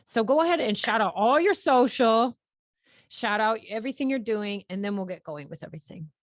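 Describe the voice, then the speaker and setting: A woman's voice: on the high side, lively intonation, a little fast, dry recording, studio quality. A woman hosting a podcast interview, heartfelt and rambling, often laughing and tearing up. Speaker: podcast host.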